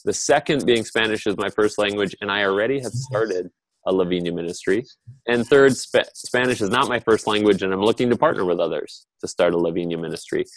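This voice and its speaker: A man with a fairly low voice moderates an online panel over a video call, hosting the webinar in a casual, conversational way. He talks briskly, and the rough recording has no echo.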